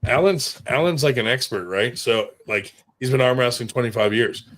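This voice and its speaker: A man's voice: mid-range voice, moderate pace, fairly bright tone. A man telling stories in casual chat, rambling and swearing freely, with lots of fillers. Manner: rambling and profane, with many fillers.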